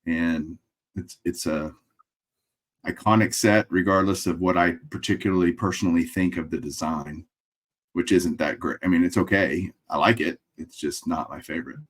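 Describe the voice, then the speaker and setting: Over a webcam, a guest collector in his middle years chats in a relaxed interview from a room hung with framed memorabilia. His Texas-accented voice is very deep and a bit rough, moving at normal speed, and he works through his answers out loud with a dry sense of humor.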